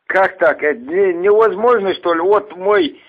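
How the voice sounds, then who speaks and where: Casting: male caller, Dagestani accent, high pitch, halting and naive, on a thin telephone line. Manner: halting, hesitant, naive questioning. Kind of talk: phone call. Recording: tinny narrow-band phone line.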